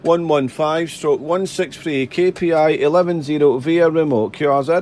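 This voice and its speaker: A man's voice: fairly high pitch, moderate pace, a little mellow, slight background noise. A man making amateur radio contacts, chatty and polite, repeating himself and spelling out callsigns phonetically. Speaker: amateur radio operator, live streamer. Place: radio desk indoors.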